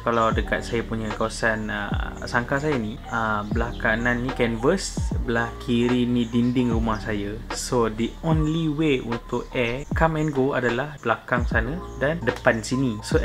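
A young man with a Malaysian accent giving casual how-to tips as a rabbit farmer, chatting in a covered outdoor shed and slipping English phrases into his talk. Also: medium pitch.

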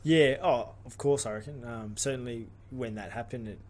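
A man's voice: mid-range voice, moderate pace, a little mellow. A man in his late twenties with an Australian accent, a guest on a podcast, speaking in a reflective, hesitant way with many fillers. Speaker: guest, rugby league player. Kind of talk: podcast interview. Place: small studio with curtain backdrop. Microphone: studio mic on boom arm.

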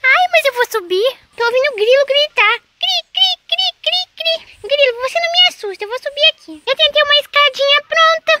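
Girl doing a whiny little boy, very high. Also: expressive, fairly quick, hardly any pauses, bright, forceful tone, exaggerated voice. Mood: scared. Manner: squealing, whiny, exclaiming.

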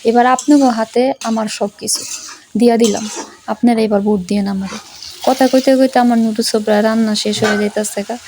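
A woman in her thirties chatting casually at home as she cooks, slipping between polished standard speech and her relaxed regional dialect. Her voice is mellow and a touch high. Soft sizzling from the pan sits faintly behind her. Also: fairly quick, a little hiss or hum. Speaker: cooking vlogger. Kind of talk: casual chat while cooking.

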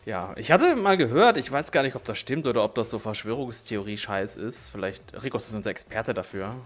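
A man with a German accent and a slight cold hosts a gaming video, chatting casually and at length over video game music. His voice is lowish, expressive, and a little fast.

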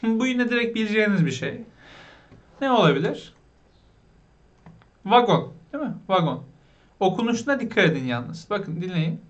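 Male language teacher, high-pitched, quizzes learners patiently, muffled home recording. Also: big pitch swings. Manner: explains patiently, asks learners questions, pronounces English words slowly. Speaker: English teacher. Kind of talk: vocabulary lesson.

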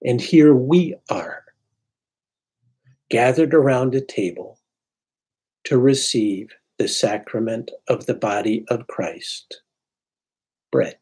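A man in his sixties, a priest, giving an unhurried, reflective sermon from his home study into a webcam. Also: mid-range voice, warm tone, husky. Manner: unhurried, reflective preaching with pauses. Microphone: webcam at desk.

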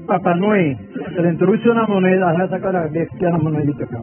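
A man's voice: sits high, fast. A very old man in his nineties talking eagerly and repetitively in a spontaneous live interview. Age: 90s. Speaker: interviewed amateur inventor. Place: room at home, indoors. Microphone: reporter's handheld microphone. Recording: tinny phone-like live feed, music behind.

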